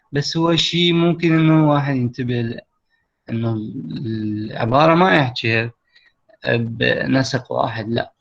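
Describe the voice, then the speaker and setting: A man with an Iraqi accent teaching a class over a video call, explaining step by step and checking that his students follow. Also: mid-range voice. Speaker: English teacher. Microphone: computer mic on a video call. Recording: lo-fi online call audio.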